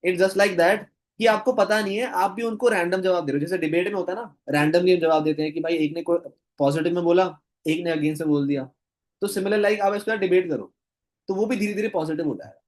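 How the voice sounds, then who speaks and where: A man with a fairly high speaking voice gives an informal training recap to camera. He talks in a chatty, enthusiastic way and chuckles now and then as he retells stories. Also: fairly even intonation, brisk. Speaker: network-marketing trainer.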